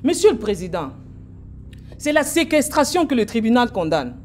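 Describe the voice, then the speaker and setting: A woman's voice: a little high, sing-song, moderate pace, soft background music. Declamatory woman lawyer. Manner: firm, declamatory. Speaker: actor playing a lawyer. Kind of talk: comedic courtroom sketch.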